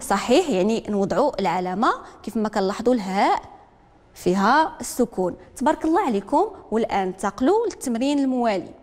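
A woman with a Moroccan accent teaching a literacy lesson, repeating each word slowly and calling on learners one by one. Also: a little high, expressive, a little mellow, in a large hall. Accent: Moroccan Arabic. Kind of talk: broadcast classroom lesson.

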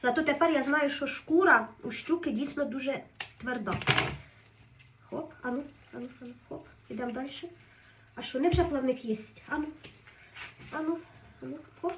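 Woman, high voice, nervous self-soothing kitchen commentary, set back from the phone mic, faint hiss behind. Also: moderate pace, pauses often, recorded from a distance. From Ukraine. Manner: fretful, keeps telling herself to stay calm. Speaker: home cook vlogger. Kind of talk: casual running commentary while cooking.

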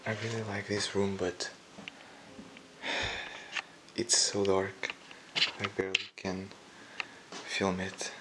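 A man quietly commenting as he explores a dark abandoned house, half-whispering at times, recorded on a handheld camera. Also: sits low, flat delivery, takes it slowly, pauses often, background noise. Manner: hushed, half-whispered remarks. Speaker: urban explorer.

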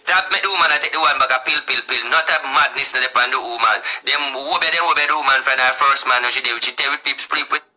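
A man's voice: mid-range voice, quick pace, hardly any pauses, sharp tone, rough recording. A man with a Jamaican accent, rambling through casual vlog commentary and talking straight to the people he discusses. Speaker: vlogger.

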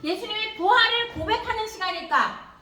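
A woman leads a children's sermon with a very high, bright voice. She keeps asking the children questions. The sound is echoey, with faint noise behind her. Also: brisk. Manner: animated, questioning the children, acting out little voices. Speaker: Sunday school teacher. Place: church hall.

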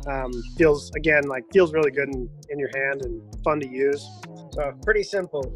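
A man, a bike race mechanic, chatting in a relaxed, joking way about his tools. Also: a little high, moderate pace, soft background music. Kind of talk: casual chat.

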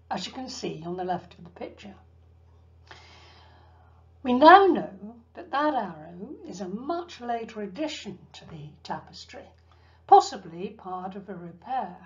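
A woman giving a history lecture, telling the story in a measured way with asides to her listeners. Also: mid-range voice, highs cut off. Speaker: cruise ship enrichment lecturer. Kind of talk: history lecture over slides.

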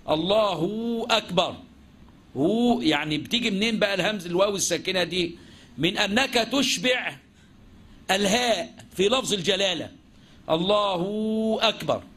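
High-voiced Egyptian sheikh teaching. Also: male voice. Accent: Egyptian Arabic. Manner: animated, poses and answers his own questions; mixes formal classical phrasing with colloquial speech. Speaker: Islamic jurisprudence teacher. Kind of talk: religious lesson.

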